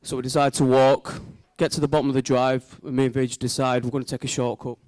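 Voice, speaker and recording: A man delivers an informal wedding speech in a smooth, clear voice with very little echo. He sounds sincere and slightly hesitant, like a brother addressing family and friends. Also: medium pitch, level tone, quick pace, a little mellow.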